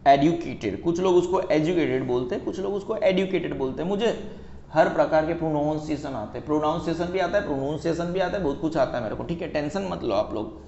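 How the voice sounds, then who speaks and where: A male economics tutor, fairly high-pitched and fast-talking with a dark tone, gives a playful classroom lecture, joking with and teasing an imagined student while slipping English terms into his speech. There's slight background noise, and the room sounds echoey, dull and lo-fi.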